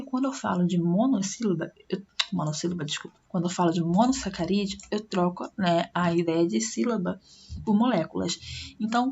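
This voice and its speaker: A woman's voice: medium pitch, dull audio, a little hiss or hum. A woman with a Brazilian Portuguese accent, a science teacher giving a recorded online class and explaining step by step with frequent tag questions.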